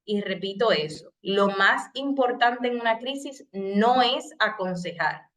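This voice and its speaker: A middle-aged Puerto Rican woman with a Puerto Rican Spanish accent, delivering a recorded training lecture. Her voice sits at an ordinary middle pitch, and her talk is patient and explanatory. She slips briefly into short example phrases to show what to say. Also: animated, unhurried, fairly bright tone. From Puerto Rico. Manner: explanatory, speaks in first person, acts out short example phrases. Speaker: psychologist giving a training session. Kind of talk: recorded lecture on crisis communication.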